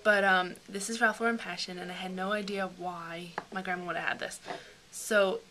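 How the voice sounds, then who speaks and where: A woman's voice: lowish voice, steady tone, moderate pace, background noise. A young woman chatting casually through a beauty product review, rambling with plenty of fillers. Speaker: beauty vlogger.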